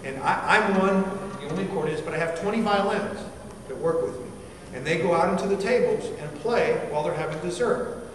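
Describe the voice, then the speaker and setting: Speaking fast in a high voice with hardly any pauses, this Chilean man in his forties chats informally with cadets and quizzes the audience. He's an army band musician, caught on a distant mic in an echoey hall with background noise.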